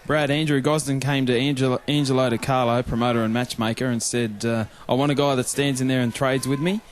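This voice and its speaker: A man's voice: medium pitch, fairly even intonation, a little fast, a little hiss or hum. A man with an Australian accent giving informal boxing commentary as co-commentator.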